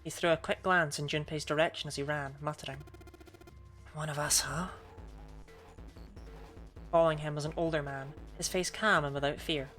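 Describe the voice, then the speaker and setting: Lady with a low voice reading out game story narration, bit of music under her. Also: fairly bright tone. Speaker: streamer narrating a game playthrough.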